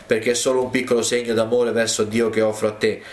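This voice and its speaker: A man's voice: medium pitch, flat delivery, fast, reverberant, natural voice. A man voicing a modest, generous middle-aged woman in a retold sermon story, speaking earnestly.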